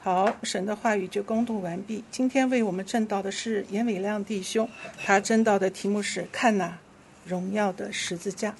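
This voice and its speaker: A woman leading a church service, reading scripture aloud verse by verse in a steady, clear voice. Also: medium pitch, moderate pace, slight background noise. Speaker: worship leader.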